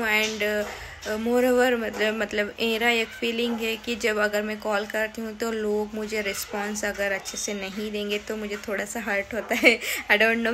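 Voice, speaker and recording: Young woman vlogger, slightly high pitch, hesitant and upset delivery, faint ambience. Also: noisy background. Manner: hesitant, upset, full of fillers and restarts. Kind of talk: casual vlog talk to camera.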